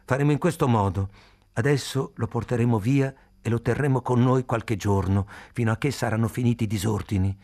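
A man's voice: mid-range voice, fairly quick, creaky, darkish tone, close to an everyday voice. A man reading aloud, voicing an elderly grandmother who speaks firmly and persuasively. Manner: firm, persuasive. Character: decisive elderly grandmother, firm and commanding.

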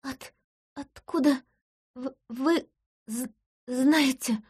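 A timid young woman, voiced by a woman, who stumbles over her words and stammers in fear. Her voice sits a little high, soft and hesitant. It is audiobook dialogue. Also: expressive, slightly rough. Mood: frightened, stammering. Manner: stammering, halting.

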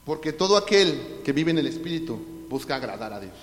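A middle-aged man with a Mexican Spanish accent preaching a sermon, swinging from loud preaching to hushed asides. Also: on the high side, big pitch swings, fairly quick. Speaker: pastor. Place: large church hall. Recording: echoey hall from a distance.

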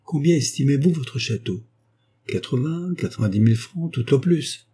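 A brash young former governess who haggles briskly and will not take no for an answer, played by a male narrator. Her voice climbs high and pushes forward with force. Beneath it stays a mellow, husky tone. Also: expressive. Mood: insistent. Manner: brisk, insistent bargaining.

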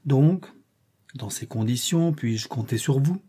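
A man's voice: medium pitch, animated, slow, warm tone, slightly rough. A man voicing a haughty, vengeful male former business partner with a resentful manner in an audiobook reading. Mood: bitter.

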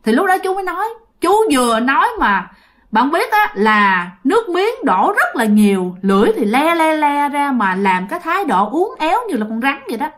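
A woman's voice: high-pitched, moderate pace. A woman with a Southern Vietnamese accent telling a ghost story, speaking straight to her listeners. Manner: lively, addresses listeners directly.

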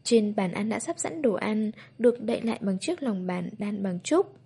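Mellow, husky woman reading a novel. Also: mid-range voice, expressive, moderate pace. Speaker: audiobook narrator. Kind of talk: scripted novel narration.

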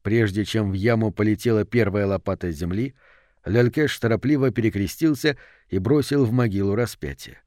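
A man narrating an audiobook in a measured, suspenseful way. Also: fairly low pitch, darkish tone, no echo, clean studio sound.

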